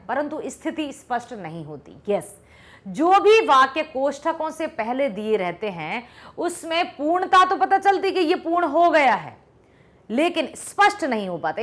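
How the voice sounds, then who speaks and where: A woman's voice: sits high, fairly bright tone. A woman teacher giving an online lesson, explaining step by step and often checking whether the students have understood. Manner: explanatory, asks checking questions. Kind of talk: classroom-style online lesson.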